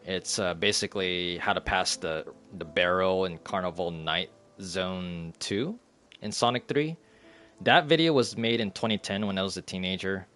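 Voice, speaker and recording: Thirties male streamer, loose chatty talk, frequent laughs, fairly low pitch. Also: normal speed, a bit bright. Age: 30s. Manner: rambling, laughs often, reads chat aloud. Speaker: live streamer. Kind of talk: casual live-stream chat.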